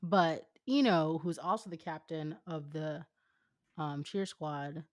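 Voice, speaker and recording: This low-voiced woman takes her time as she co-hosts an easygoing fan fiction reading, cracking jokes and wandering off into informal side chatter. It's a dry, studio-quality recording.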